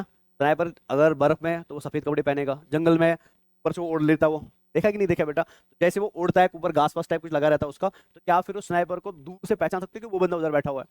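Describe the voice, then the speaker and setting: A man's voice: fairly high pitch, fairly even intonation, fast, a little mellow, clear, resonant tone, dry recording. A young adult man teaching biology for exam prep, constantly quizzing his students and calling them "beta". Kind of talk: exam-prep classroom lecture.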